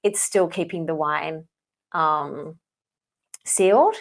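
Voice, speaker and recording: A woman co-hosting a podcast in casual chat, a lively storyteller who laughs often. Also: low voice, slow. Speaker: podcast co-host.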